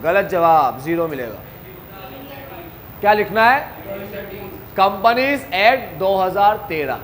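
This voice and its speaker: High-voiced male coaching teacher. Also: a bit bright. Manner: talks straight to students, asks questions and answers them himself. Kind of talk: classroom lecture.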